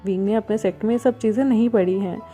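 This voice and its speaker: A woman's voice: mid-range voice, fairly even intonation, quick pace, warm tone, faint music behind, close to an everyday voice. A woman voicing a kind older brother who soothes and scolds firmly, in a storybook reading. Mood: gentle. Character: gentle, caring older brother, firm when scolding.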